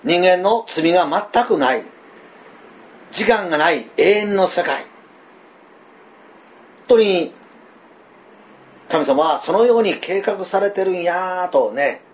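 An older man with a Kansai accent, preaching a sermon in a folksy, animated way, full of fillers and asides. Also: sits high, takes it slowly, pauses often. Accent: Kansai (Osaka dialect). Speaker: pastor.

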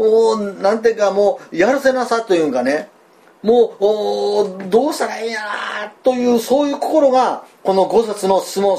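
An older man with a Kansai accent, preaching a sermon in a folksy, animated way, full of fillers and asides. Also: high voice. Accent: Kansai (Osaka dialect). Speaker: pastor.

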